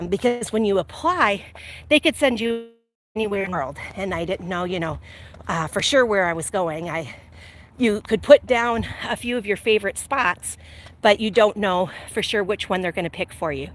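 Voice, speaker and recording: A middle-aged American woman tells personal stories in a casual, chatty, rambling way while walking. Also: mid-range voice. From Illinois, United States. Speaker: vlog host telling personal stories. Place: outdoors while walking, near traffic. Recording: steady ambient and vehicle noise.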